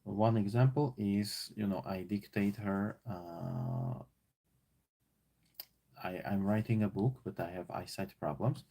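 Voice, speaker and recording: Musing slowly over a leadership book, an Armenian-accented teacher assesses himself casually, his thoughts spilling out with many fillers, repetitions and restarts. The voice is lowish, mellow, and gravelly with a slight husk.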